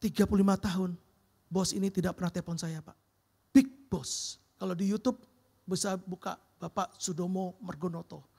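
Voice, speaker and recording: Gravelly middle-aged male preacher. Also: sits high, moderate pace. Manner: lively storytelling, calls the audience "Bro". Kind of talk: sermon with personal testimony. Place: church sanctuary.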